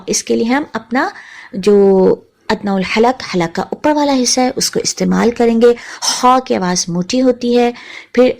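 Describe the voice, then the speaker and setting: A woman teaching a tajweed lesson, patiently naming letters one by one and repeating each sound slowly. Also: medium pitch. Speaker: Quran recitation teacher.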